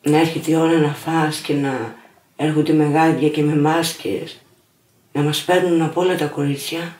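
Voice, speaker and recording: A woman's voice: low-pitched, steady tone, a little mellow, echoey room. A young woman giving a subdued, weary documentary testimony. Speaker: interviewee.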